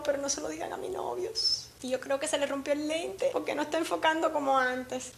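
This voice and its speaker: Chatty high-voiced woman beauty vlogger. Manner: chatty and friendly, laughs often, many diminutives. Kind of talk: casual beauty vlog chat.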